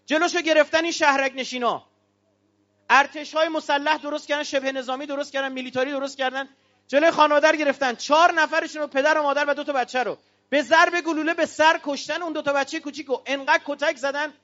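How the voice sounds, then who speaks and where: A man from Iran addresses an audience in a passionate, declamatory speech, his voice sitting unusually high. His tone is bright and cutting, and he rises into shouts. The recording sounds dull and lo-fi. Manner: fiery and declamatory, with bursts of shouting. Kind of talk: impassioned political speech.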